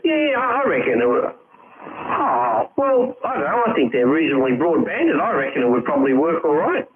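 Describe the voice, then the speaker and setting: A man with a slightly high, sing-song voice speaks at normal speed, chatting casually over ham radio as a fellow hobbyist who muses and thinks aloud. The recording comes through a tinny, band-limited radio link with background chatter.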